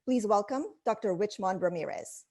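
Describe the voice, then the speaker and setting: A woman on a video call opens a medical webinar with formal announcements. Her voice sits mid-range and sounds mellow and soft. She speaks politely and plainly as host. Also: medium pitch, normal speed. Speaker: association president hosting a webinar.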